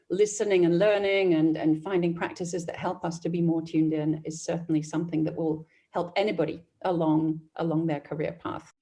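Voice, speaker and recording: A woman hosting a podcast interview, asking questions and reflecting in a measured way. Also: fairly low pitch, mellow.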